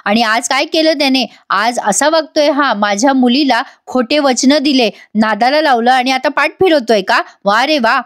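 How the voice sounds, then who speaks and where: A woman's voice: high voice, moderate pace, hardly any pauses, close to an everyday voice. A woman voicing a domineering, angry middle-aged aunt who scolds and makes demands.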